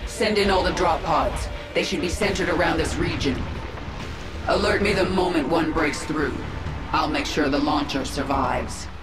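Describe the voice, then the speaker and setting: A woman's voice: low-pitched, normal speed. A woman playing a ruthless alien queen in a game, commanding in a cold, imperious way. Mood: determined. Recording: echoing, music behind.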